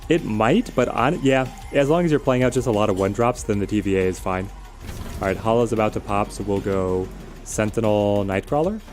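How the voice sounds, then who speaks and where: This streamer speaks briskly in a lowish voice as he comments on his game live. With music playing behind him, he explains his strategy in a conversational way, reasoning aloud and taking questions from viewers.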